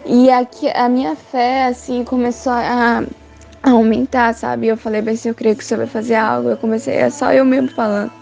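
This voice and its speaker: A young woman from Brazil giving a spoken church testimony of a vision, halting and repetitive with many restarts. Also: fairly high pitch, level tone, gravelly, darkish tone, faint music behind. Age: young adult.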